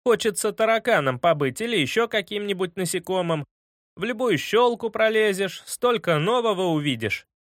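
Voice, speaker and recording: A man plays a cheeky young schoolboy with a high, eager voice. He sounds pert and quick-witted, always bluffing. The recording is close and dry. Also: animated, a bit bright, no room sound. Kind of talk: audiobook character voice.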